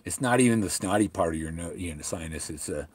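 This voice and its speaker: A middle-aged man chatting casually and haltingly, rambling along, with a slight whistle and the loose speech of missing top front teeth. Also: low-pitched, animated, slightly rough. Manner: halting, rambling, often trailing off. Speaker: vlogger talking to viewers.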